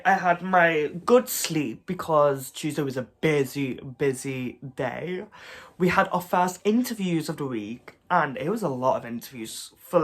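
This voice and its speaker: A man chatting to camera on his vlog channel, gushing and laughing often as he talks. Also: a little high. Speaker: YouTuber. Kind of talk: casual vlog chat to camera.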